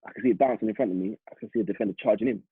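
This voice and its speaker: A young man from East London with a London accent, a football striker telling a lively story in a casual interview. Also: lowish voice, rapid-fire, slightly rough, dry recording. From East London, England. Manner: animated, vivid retelling with acted-out quotes. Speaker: interview guest, semi-pro striker. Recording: muffled phone-like audio.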